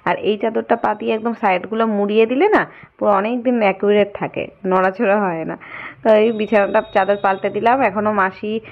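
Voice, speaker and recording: A woman with a West Bengal accent, chatting casually through her household chores for her home vlog, her voice slightly hoarse. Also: mid-range voice, fairly even intonation, brisk, lo-fi sound. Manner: chatty, running commentary on chores. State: hoarse from a cold. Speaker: vlogger. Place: home, indoors.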